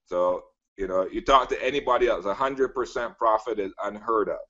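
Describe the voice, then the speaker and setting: A man from Barbados with a fairly low voice delivers an eager, emphatic sales pitch. He leans on repeated phrases and lots of fillers. The audio is dull and lo-fi. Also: fairly quick, fairly bright tone. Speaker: guest business presenter.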